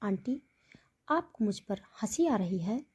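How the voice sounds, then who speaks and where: A woman voicing a frightened but defiant young woman who speaks softly and pleadingly. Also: mid-range voice, animated, slow, breathy edge, full character voice. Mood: anxious. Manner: soft and pleading, irritated.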